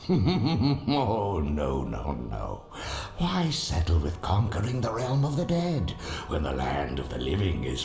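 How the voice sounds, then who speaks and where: A gloating, deep-voiced villain. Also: male voice, gravelly, heavily acted. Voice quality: deep, theatrical evil laugh. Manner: slow, gloating, grandiose. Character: sinister villain gloating over the dead. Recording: roomy game cutscene with loud score.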